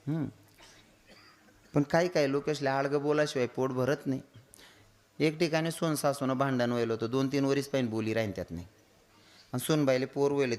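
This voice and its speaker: A man giving a comic devotional sermon on stage, telling stories and mimicking wailing women. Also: medium pitch. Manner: storytelling with mimicked wailing voices. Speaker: kirtan preacher.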